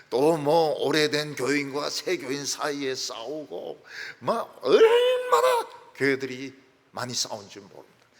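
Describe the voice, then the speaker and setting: Pastor guy preaching, really up-and-down lively delivery, big churchy echo. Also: mid-range voice, gravelly, husky. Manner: emphatic preaching, swinging between loud peaks and soft drops. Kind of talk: sermon. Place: church sanctuary. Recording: long reverb of a large church hall.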